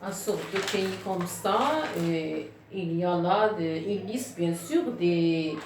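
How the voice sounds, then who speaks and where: A woman teaching French pronunciation to beginners, slowly repeating words and breaking them into syllables. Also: on the low side, noisy background. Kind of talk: phonetics lesson for beginners. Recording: very echoey room, distant mic.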